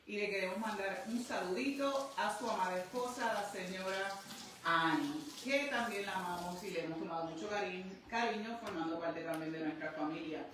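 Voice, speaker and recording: A woman's voice: medium pitch, normal speed, a bit bright, a little hiss or hum. A woman hosting a livestream interview, speaking earnestly to an online audience. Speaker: host. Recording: very echoey room, far from mic.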